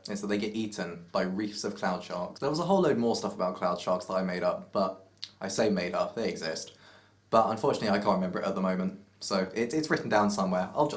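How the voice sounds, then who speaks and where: A young man in a casual vlog, rambling through playful mock-serious tangents. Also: sits low. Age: young adult. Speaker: vlogger.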